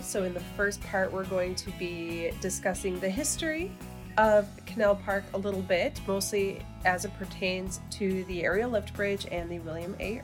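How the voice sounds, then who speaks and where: Woman, podcast host, casual conversational delivery, medium pitch, faint music behind. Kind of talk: casual chat to listeners, co-hosted podcast. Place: quiet, slightly echoey rental townhome room.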